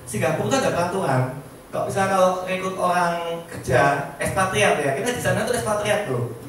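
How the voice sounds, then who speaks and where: A man's voice: high voice, fast talker, fairly bright tone, slight background noise. Chatty man in echoey room. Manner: chatty, asks the audience questions constantly. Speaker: insurance agent giving a sharing talk. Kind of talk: motivational sharing talk to a group. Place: meeting room with a small audience. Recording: echoey room heard from a distance.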